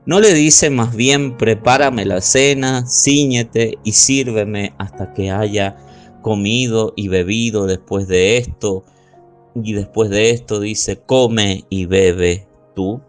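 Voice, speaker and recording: A man preaching a sermon as pastor, slowly and deliberately, stretching out key words and reading scripture aloud. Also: on the low side, faint music behind.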